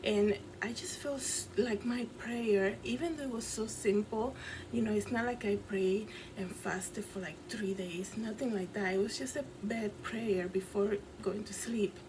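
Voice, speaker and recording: Speaking straight to her camera in her apartment, a Dominican vlogger and fashion designer with a Dominican accent earnestly recounts a dream in a casual, rambling vlog padded with fillers. Her middle-range voice is unhurried, and a clear hiss of background noise runs underneath.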